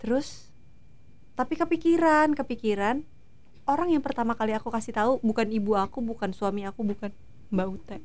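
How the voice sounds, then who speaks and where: A woman in her thirties, a guest in a casual interview, telling stories in a lively way and acting out what others said. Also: fairly high pitch, brisk. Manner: lively storytelling, acting out quoted voices.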